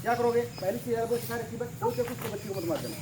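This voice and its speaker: A man's voice: very high-pitched, animated, racing, a loud crowd. A man teaching self-defense outdoors, giving short commanding instructions and repeating them. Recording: noisy outdoor recording.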